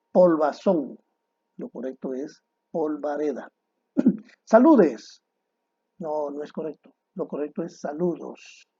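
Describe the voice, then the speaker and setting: Slow, didactic high-voiced man teacher. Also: mellow, husky, lo-fi sound. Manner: didactic, slow and deliberate, asks rhetorical questions. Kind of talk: recorded grammar lesson.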